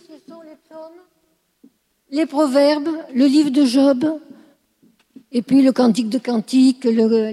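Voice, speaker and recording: A woman's voice: fairly high pitch, warm tone, long reverb tail. A woman teaching a class, explaining at length and often checking whether her listeners follow. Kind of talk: classroom lecture.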